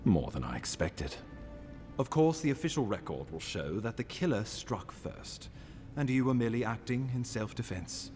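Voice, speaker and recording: A man's voice: mid-range voice, big pitch swings, normal speed, a little mellow, faint music behind, lightly acted. A man playing a courtly, scheming ambassador in a fantasy video game, speaking formally and theatrically. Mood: approving, sly.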